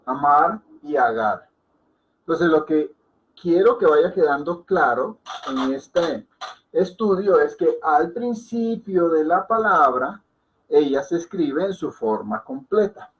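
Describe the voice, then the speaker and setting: A man teaching a class, explaining patiently and repeating words slowly, often checking with "ok?". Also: fairly high pitch, expressive, rough recording. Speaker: Hindi teacher.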